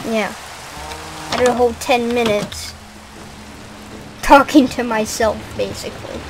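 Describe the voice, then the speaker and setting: A woman casually commenting on her own gameplay, mostly muttering and grumbling to herself, sometimes breaking into loud shouts. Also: a little high, steady tone, a little slow, background noise. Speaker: gaming YouTuber. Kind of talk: casual let's-play commentary. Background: clear music.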